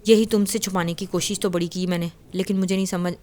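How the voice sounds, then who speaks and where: A woman's voice: lowish voice, steady tone, a little mellow, close to an everyday voice. A woman voicing a young, defiant woman who is a thief turned actress, speaking bluntly and bitterly as she confesses in a casual story retelling.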